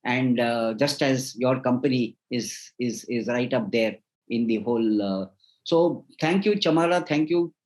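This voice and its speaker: A man's voice: mid-range voice, unhurried, darkish tone, poor audio. A man, a host giving formal, effusive closing remarks with frequent restarts. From India.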